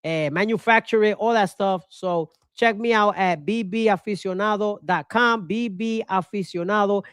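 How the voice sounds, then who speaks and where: A man's voice: sits high, normal speed, few pauses, a bit bright, clear, resonant tone, no echo, clean studio sound. A man from Rico, hosting a baseball podcast with passionate, opinionated commentary and repeating his points for emphasis. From Puerto Rico.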